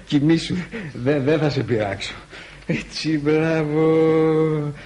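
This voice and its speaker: Man doing a drunk aging painter, husky, slurring, wheedling, radio drama. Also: on the high side, fairly even intonation, darkish tone, close to an everyday voice. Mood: maudlin drunk.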